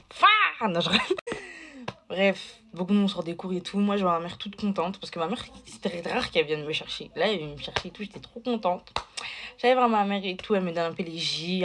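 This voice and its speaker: Chatty woman telling a story. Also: fairly low pitch. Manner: chatty, digressive, lots of fillers and asides. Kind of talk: casual storytime to camera.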